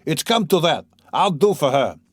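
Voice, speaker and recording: A man voicing a brutal drunken peasant who shouts ferociously, in an audiobook reading. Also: a little high, big pitch swings, moderate pace, no room sound, clean studio sound, voice pushed up. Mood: furious.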